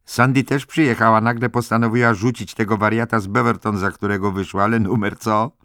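A man voicing a tipsy, exuberant young woman who gushes loudly. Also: on the low side, takes it slowly, no echo, clean studio sound, voice pushed up. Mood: gushing. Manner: loud, gushing.

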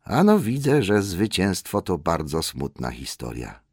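A man's voice: low voice, huge pitch swings, measured pace, a little mellow, husky, dry recording, clean studio sound, full character voice. A man voicing a small, dazed and wounded male hobbit in a storybook reading, in a raised, strained, plaintive tone. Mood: rueful. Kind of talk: audiobook character voice.

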